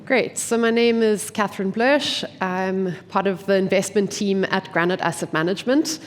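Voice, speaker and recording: At a forum, a woman from an investment team delivers a conference presentation while congested from a cold. Her medium-pitched voice moves at a normal speed as she explains clearly, often asking questions and answering them herself, with long hall reverb and slight background noise.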